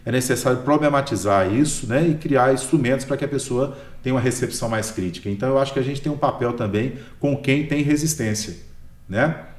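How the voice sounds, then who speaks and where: A Brazilian Portuguese-accented history professor talks about his work in an interview, his medium-pitched voice brisk and relaxed. He ends most sentences with a questioning "né?" while explaining things easily. The room gives the recording a noticeable echo.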